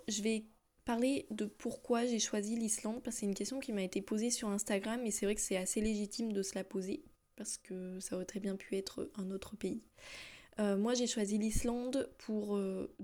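Speaking at a moderate pace, this young woman from France runs a solo podcast and works through her ideas with frequent fillers and false starts. Her medium-pitched voice is steady and dark in tone.

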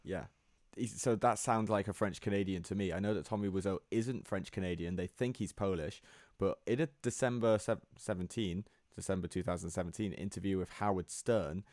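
Male podcast co-host, deep voice, rambling casual delivery, dry studio sound. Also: a little mellow, dry recording. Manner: rambling, laughs easily. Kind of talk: casual chat.

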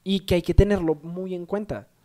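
A woman's voice: fairly low pitch, fairly even intonation, normal speed, dark tone. Chatty woman podcast co-host. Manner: chatty, laughs easily, gives advice. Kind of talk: casual chat.

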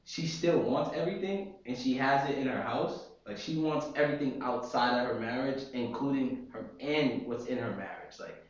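Young man, casual opinionated chat, medium pitch, dull lo-fi sound. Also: normal speed. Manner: laid-back, opinionated, explains with slang. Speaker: podcast co-host. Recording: echoey, dull lo-fi room.

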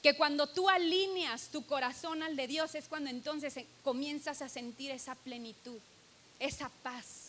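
Woman, sermon, earnest, emphatic, bright tone. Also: high-pitched, normal speed, slight background noise. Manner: earnest, emphatic, leans on key words. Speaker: preacher.

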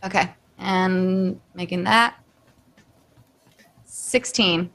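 A woman player in a casual tabletop game, excitable, laughing and swearing as she talks through her turn. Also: on the low side, very slow, creaky.

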